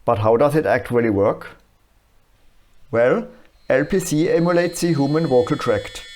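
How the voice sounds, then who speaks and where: A man with a medium-pitched, slightly mellow voice presents an electronics tutorial. His scripted narration is explanatory, delivered in a measured, instructional manner.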